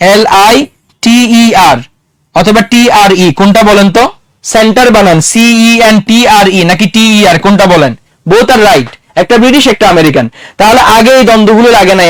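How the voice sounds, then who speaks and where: A man's voice: high voice, no room sound. A man lecturing a classroom in a conversational way, quizzing his students and mixing English words into his talk. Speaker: teacher.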